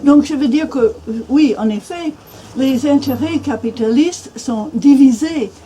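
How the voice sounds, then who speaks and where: An older American woman speaks French in a halting way, full of restarts and fillers. Her voice sits fairly high but sounds mellow and dark. There is faint noise behind her, from a bookshop event room. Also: rough recording. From Minnesota, USA. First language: English. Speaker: author and guest speaker. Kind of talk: panel discussion.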